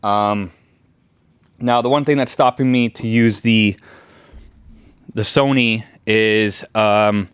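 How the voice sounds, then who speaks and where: Casual male vlogger, low clear voice. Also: steady tone, takes it slowly, pauses often, no room sound, clean studio sound. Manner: hesitant, rambling, thinking aloud. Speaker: videographer presenting a gear video. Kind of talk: casual vlog talk to camera.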